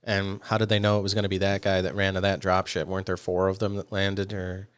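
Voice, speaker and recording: A man's voice: low voice, monotone, quick pace, smooth. A man co-hosting a podcast in casual chat, rambling with frequent ums and uhs. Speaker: podcast co-host.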